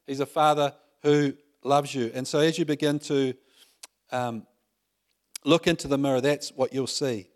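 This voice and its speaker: A man's voice: medium pitch, fairly even intonation, normal speed. A middle-aged male pastor giving a conversational sermon, full of rhetorical tag questions and self-deprecating humor.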